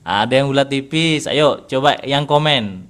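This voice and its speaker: A man's voice: medium pitch, lively intonation, a little slow, a bit bright. A man with an Indonesian accent teaching Quran recitation in an interactive online lesson, correcting a student patiently and asking leading questions.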